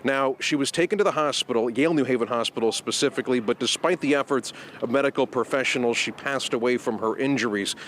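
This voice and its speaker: A man reporting live for the evening news from outdoors, with a measured, formal delivery. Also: mid-range voice, fairly bright tone, slight background noise. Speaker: field reporter. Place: outdoors at a scene.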